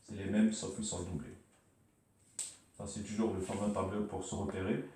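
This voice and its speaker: Man, low mellow voice, patient teacher, repeats syllables, echoey room, distant mic. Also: level tone, moderate pace, a little hiss or hum. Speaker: Arabic teacher. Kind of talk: slow spoken lesson at a board.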